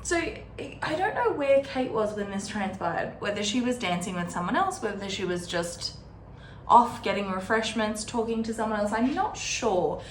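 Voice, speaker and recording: Her mid-range voice is animated and moves at a moderate pace as she hosts a book readalong, casual, wry, and prone to digressions. The recording comes from a camera set on or near her desk indoors, with roomy echo and background room noise.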